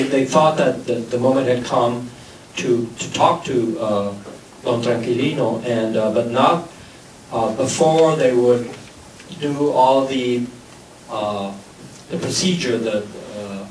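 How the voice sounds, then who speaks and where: A man interpreting at a panel, halting and hesitant, with many fillers. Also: mid-range voice, slight background noise. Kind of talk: consecutive interpreting. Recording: roomy hall, distant mic.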